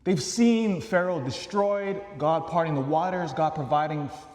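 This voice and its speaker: Priest preaching in an echoey church. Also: male voice, a little high, unhurried. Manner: questioning, emphatic, shifts between loud and soft. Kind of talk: homily.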